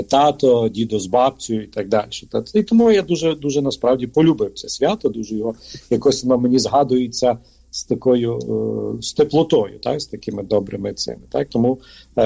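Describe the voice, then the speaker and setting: A man's voice: medium pitch, vocal fry, warm tone, breathy edge. Hesitant priest, a man from Ukraine. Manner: hesitant, frequent filler sounds and restarts. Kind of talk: conversational interview answer.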